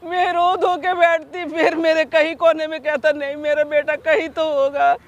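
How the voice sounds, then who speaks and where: A woman's voice: sits high, level tone, normal speed. A woman acting as a middle-aged mother in a drama skit, crying as she keeps repeating her questions to her son. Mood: tearful. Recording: dull lo-fi sound.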